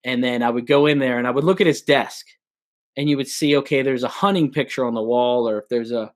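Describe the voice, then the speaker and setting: A man's voice: medium pitch, a little fast. A man hosting a live show, chatting casually and telling work stories with many restarts. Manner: storytelling, relaxed, lots of restarts. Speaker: host.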